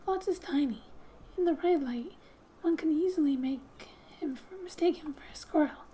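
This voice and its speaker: For an ASMR gaming video, a woman gently reads game text aloud, speaking softly and breathily, often close to a whisper. Her voice is high-pitched at a normal speed, with slight background noise.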